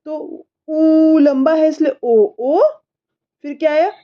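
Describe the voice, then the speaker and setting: A woman's voice: high voice, slow, highs cut off. A woman teaching her child English body words, patiently repeating each word and spelling it letter by letter. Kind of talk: slow spelling lesson.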